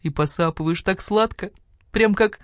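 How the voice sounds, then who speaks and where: A devoted little mini-pig husband, voiced by a woman, speaking in a lower, softer, hushed tone, earnest and a bit solemn. The reading is dry and close to the mic. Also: normal speed, dry recording, lightly acted. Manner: tender, grave and hushed. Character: small fit male mini-pig, devoted worried husband.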